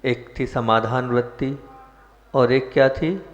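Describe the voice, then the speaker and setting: A male Jain monk giving a sermon, chanting prayers slowly and then preaching in a measured way with rising emphasis. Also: mid-range voice, lo-fi sound. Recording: echoey hall with long reverb.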